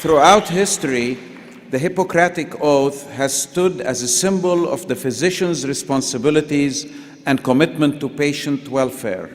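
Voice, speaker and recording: A man leading new physicians through the oath at a ceremony, slow, measured and commanding. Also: on the high side, a faint crowd. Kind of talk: formal ceremonial address. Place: large arena. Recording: reverberant arena PA sound.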